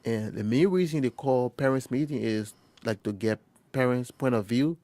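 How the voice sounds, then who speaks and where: A young man from Liberia, a first-year college student, telling his story in an interview in a halting way, often restarting and quoting conversations. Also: medium pitch, warm tone, no room sound. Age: young adult. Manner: halting, with frequent restarts and quoted dialogue. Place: quiet recording booth.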